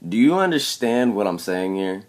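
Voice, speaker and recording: A man's voice: fairly low pitch, sing-song, normal speed. A man giving an explanatory commentary over clips, emphatic and constantly checking in with "okay?". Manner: emphatic, repeats "okay?" to press points. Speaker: video commentator.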